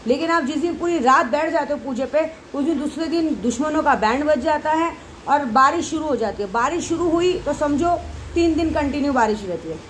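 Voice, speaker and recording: A high-pitched woman carrying talks straight to her followers. She goes round in circles, emotional and repetitive. Faint background noise sits under her voice. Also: animated, brisk, low-quality recording. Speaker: devotee leading night prayers. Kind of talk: casual monologue to followers.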